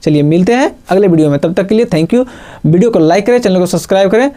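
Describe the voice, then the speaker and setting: High, mellow-voiced male teacher. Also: fast talker. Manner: explains step by step, asks and answers his own questions. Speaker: English teacher. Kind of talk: spoken grammar lesson.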